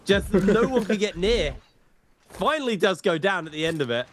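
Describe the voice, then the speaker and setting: A man's voice: high voice, animated, moderate pace. Conversational male game caster over noise. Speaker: esports commentator. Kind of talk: live gaming commentary with casual chat.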